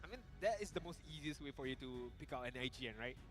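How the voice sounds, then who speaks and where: A man casting an esports broadcast, giving measured, analytical commentary on the draft. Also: medium pitch, expressive, faint music behind. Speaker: esports caster.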